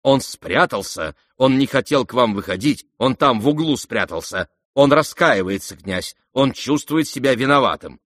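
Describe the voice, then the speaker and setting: A male reader voicing an excitable, pleading man in an audiobook. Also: medium pitch, normal speed, few pauses, no room sound, studio quality, pitched above the performer's own voice. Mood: agitated. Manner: agitated, loud, pleading. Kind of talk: audiobook character reading.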